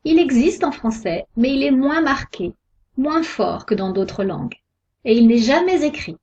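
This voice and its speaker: A woman giving a scripted pronunciation lesson, sounding out each example word slowly and carefully. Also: sits high, expressive, darkish tone, breathy edge. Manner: slow, careful, deliberate articulation of example words. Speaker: French pronunciation teacher. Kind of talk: slow scripted lesson narration. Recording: dull lo-fi recording.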